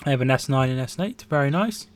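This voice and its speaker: A man's voice: mid-range voice, expressive, fast talker. A man in his twenties from England, casually co-hosting a football watchalong stream, chatting and reading out viewer comments. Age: 20s. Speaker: livestream co-host.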